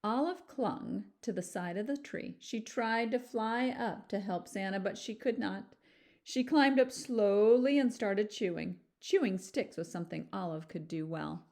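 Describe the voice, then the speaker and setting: With a mid-range voice and measured pace, a female teacher reads a storybook to young listeners. She keeps it lively, breaking off for friendly asides and questions aimed at the kids.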